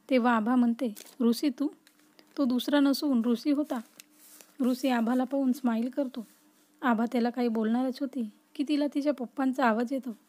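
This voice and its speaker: A woman narrating a family story in a steady, even reading. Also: high-pitched.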